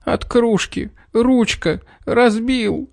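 A man's voice: sits high, sing-song, unhurried, dry recording, studio quality, voice pushed up. A man reading a storybook, voicing a hapless young village boy who mumbles and whimpers. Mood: whimpering. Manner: whiny, pleading.

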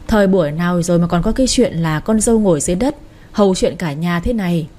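Woman doing an angry big brother, growly, husky mellow voice. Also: on the low side, fast, natural voice. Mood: indignant. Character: indignant elder brother, growling.

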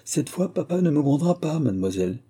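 A man voicing a quick-witted, mischievous young princess who teases her family playfully. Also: a little high, sing-song, warm tone, slightly rough, pitched above the performer's own voice. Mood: teasing. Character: teasing, chattering young princess girl.

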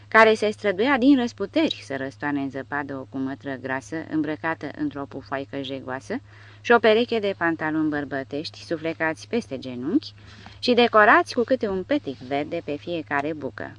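Low-voiced woman narrating an audiobook. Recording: dull lo-fi audio.

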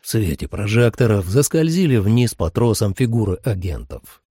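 A man's voice: on the low side, expressive, moderate pace, warm tone, slightly rough, no echo, clean studio sound. A man narrating a first-person action audiobook dramatically. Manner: dramatic, voices every character.

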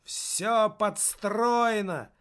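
A man reading aloud as an angry heckler in an audience, shouting indignantly. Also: fairly high pitch, slow. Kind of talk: audiobook reading.

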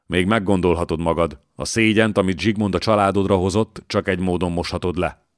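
A man's voice: low voice, steady tone, no room sound, studio quality, close to an everyday voice. A man voicing a spiteful young nobleman who hisses his words. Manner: hissing, spiteful.

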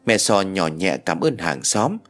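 Expressive low-voiced male storyteller. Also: measured pace. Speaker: narrator. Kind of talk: audio story narration. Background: soft background music.

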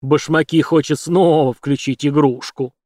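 A man's voice: a little high, fairly even intonation, darkish tone, dry recording, studio quality, lightly acted. A man voicing drawling greedy fire spirits. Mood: eager. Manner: slow, drawling, sly.

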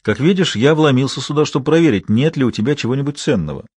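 A man reading an audiobook, voicing a sly, genial old vagrant preacher with a smooth, preachy manner. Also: mid-range voice, big pitch swings, normal speed, a little mellow, dry recording, pitched above the performer's own voice. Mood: teasing.

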